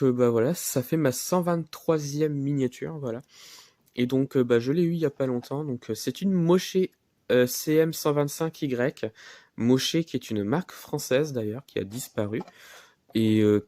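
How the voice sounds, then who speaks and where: A man presenting his new model cars in a casual vlog, halting and filling pauses often. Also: medium pitch, a little mellow, no echo. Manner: halting, many fillers and "voilà". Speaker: diecast collector vlogger. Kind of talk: casual show-and-tell vlog.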